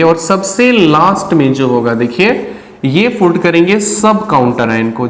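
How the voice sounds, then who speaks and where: A man giving a patient, explanatory chemistry lecture for an online class, often pausing to check that students are following. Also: on the high side. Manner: patient, explanatory, ends phrases with a checking "ठीक है". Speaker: chemistry teacher. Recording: roomy with a long reverb tail.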